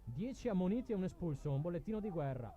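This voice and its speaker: A man's voice: sits high, very animated, fast, mellow, muffled recording. A man calling a live football match play by play, calling players' names in short bursts. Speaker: football commentator.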